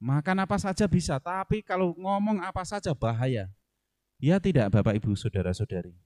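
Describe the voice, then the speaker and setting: A man's voice: fairly high pitch, animated, a little fast, darkish tone. A Buddhist monk from Indonesia, a middle-aged man, delivers a dhamma talk before a live congregation. He keeps it light and joking and often turns to the listeners with direct questions.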